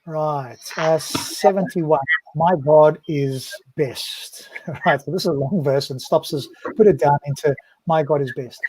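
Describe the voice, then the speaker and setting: A man co-hosting a panel discussion, his voice sitting a little high for a man. He talks in a loose, chatty way and keeps asking "right?" to check the others are with him. The sound is dry and close, with no room around it. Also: normal speed, a little mellow, husky, no echo. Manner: chatty, ends points with "right?". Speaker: podcast co-host.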